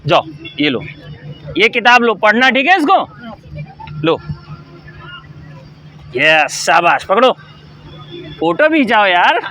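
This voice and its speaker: A woman's voice: on the high side, pushed and bright, a little hiss or hum. A woman volunteer chatting cheerfully with small children outdoors in a park, coaxing and praising them as she hands out books. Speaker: charity volunteer handing out books. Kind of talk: casual chat with small children.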